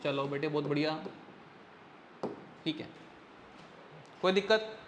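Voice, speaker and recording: A man teaching a physics class, quizzing his students constantly in a coaxing, brisk way. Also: on the high side, slight background noise. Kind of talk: classroom lecture.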